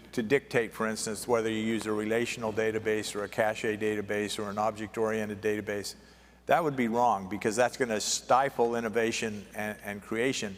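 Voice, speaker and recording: A man moderating a conference panel, relaxed and often restarting his sentences. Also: fairly low pitch. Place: conference hall. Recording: reverberant conference hall.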